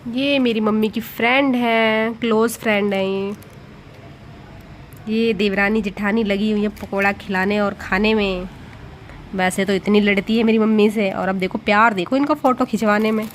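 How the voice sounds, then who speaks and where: A chatty woman in her thirties talks through her old wedding photos in a homely, amused way. Her voice sits at an ordinary middle pitch. A faint hum of background noise runs under the talk. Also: steady tone, moderate pace. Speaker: vlogger. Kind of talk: casual chat narrating wedding photos.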